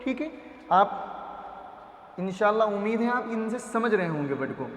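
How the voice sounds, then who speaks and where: A man with a very high voice teaches Quran reading, drilling syllables one by one and answering his own questions. He drags out the long vowels slowly and patiently. The sound rings with long echo, like a big hall. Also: animated, a bit bright, slight background noise. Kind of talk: patient step-by-step phonics lesson.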